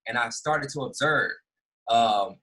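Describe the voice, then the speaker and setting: A man's voice: medium pitch, slow, bright, forceful tone, poor audio. A middle-aged man from Houston, giving an earnest motivational keynote speech with frequent fillers and restarts. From Houston, Texas. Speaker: keynote speaker.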